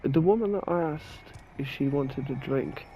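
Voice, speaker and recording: Rambling man, gravelly voice. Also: mid-range voice, moderate pace, muffled recording, a little hiss or hum. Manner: rambling, frequent swearing, animated retelling. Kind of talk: casual storytelling while gaming. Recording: loud game gunfire behind the voice.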